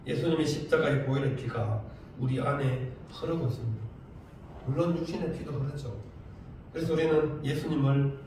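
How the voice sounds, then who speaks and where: A male pastor with a Gyeongsang Korean accent, preaching a lively sermon with rhetorical questions and humor. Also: medium pitch, noisy background. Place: church sanctuary. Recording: very echoey church from far off.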